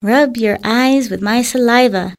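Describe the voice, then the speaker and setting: A woman voicing a small, shy, kind male snake in a storybook reading, speaking low and slowly. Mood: gentle.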